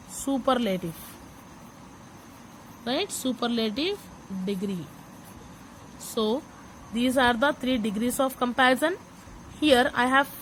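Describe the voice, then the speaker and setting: Slow-speaking Indian woman teaching grammar. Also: a little high, slight background noise, poor audio. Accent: Indian English. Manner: mixes English and Hindi, repeats key words, asks "understand?". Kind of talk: slow classroom explanation.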